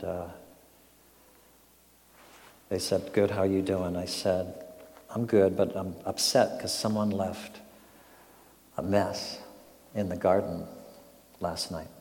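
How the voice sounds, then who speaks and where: An older pastor delivers a reflective, story-driven sermon, repeatedly turning to questions. His low, mellow voice echoes through a large hall.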